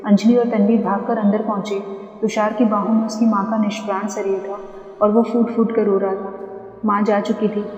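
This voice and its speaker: A woman's voice: mid-range voice, level tone, normal speed, a little mellow, lo-fi sound. A woman storyteller reading a horror tale in a dramatic, suspenseful way. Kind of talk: scripted horror narration. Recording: echoey reverb with background music.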